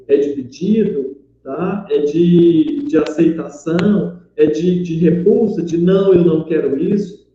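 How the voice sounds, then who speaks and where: A man's voice: high-pitched, dark tone. A man teaching a grammar lesson, explaining step by step and checking in often with his students. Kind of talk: recorded online grammar lesson. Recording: very echoey, dull lo-fi room recording.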